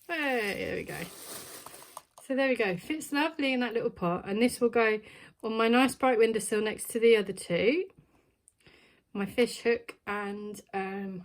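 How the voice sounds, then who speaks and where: A plant vlogger unboxes a plant subscription box, chatting casually and thinking aloud with lots of ums. Her voice sits at medium pitch, and there's slight background noise.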